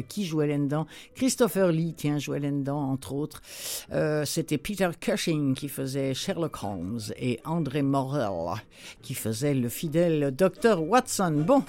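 A woman's voice: on the low side, darkish tone. A woman hosting a radio show about audiobooks, talking in a chatty, enthusiastic way with hesitations. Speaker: radio host. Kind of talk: radio book show presentation.

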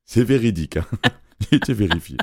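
A man's voice: on the low side, animated, brisk, darkish tone, no echo, studio quality. A man giving a humorous radio chronicle, teasing and joking, laughing between his lines. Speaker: radio columnist.

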